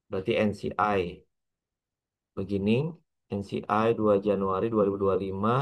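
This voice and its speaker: An accounting lecturer with an Indonesian accent and a lowish voice walks through a worked example step by step. He pauses often, slips in English terms, and adds small checking tags.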